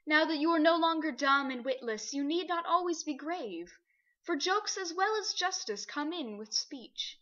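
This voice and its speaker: Woman doing a wise solemn male lion, unhurried, muffled lo-fi sound. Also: sits high, expressive, sharp tone. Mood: grave. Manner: slow, solemn, commanding. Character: great wise male lion, grave and kindly. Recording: dull lo-fi recording.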